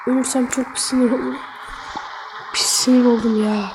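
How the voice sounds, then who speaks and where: A woman gives casual let's-play commentary on a mobile game at a moderate pace, with background noise. She's excitable, cheering on and cursing at the character, and lets out sudden high yelps whenever she fails.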